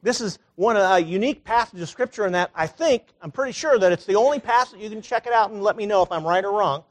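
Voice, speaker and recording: A man preaching a sermon in a conversational way, full of rhetorical questions, dropping soft and low, then rising loud and high. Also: fast.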